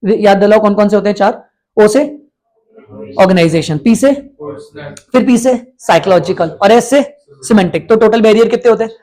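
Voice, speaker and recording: Mellow-voiced male teacher quizzing his class. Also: sits high, moderate pace, pauses often. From India. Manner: keeps quizzing and repeating answers. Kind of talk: exam-prep lecture with call-and-response.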